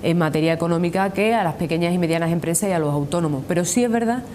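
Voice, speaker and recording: A woman with an Andalusian accent speaks in a dark, relaxed tone on the low side. She answers formally and at length as a union representative, stressing points by repeating them. A faint rumbling noise sits under the recording. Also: fast. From Andalusia, Spain. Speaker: trade union representative being interviewed. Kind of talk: formal political interview answers.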